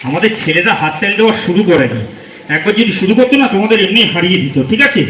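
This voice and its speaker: A man hosts a live stage event, keeping the crowd going with playful teasing and banter between the acts. His voice sits high and bright. It rings out with a roomy echo from the venue. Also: lively intonation, very fast, a little hiss or hum. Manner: joking, teasing the audience. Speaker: stage show emcee. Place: live stage before an audience. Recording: echoey live venue sound.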